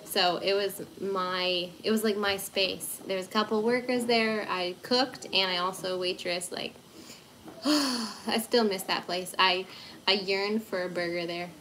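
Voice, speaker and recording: A livestream baking host in her thirties chats and giggles into her phone camera while baking at her kitchen table. Her mid-range voice is steady, bright, and forceful at a measured pace, in a rough recording with slight background noise.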